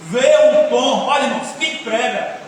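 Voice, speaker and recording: A male pastor giving a sermon in a folksy, joking, animated way, recorded from a distance in a church hall. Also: very high-pitched, moderate pace. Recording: echoey hall from far off, faint noise.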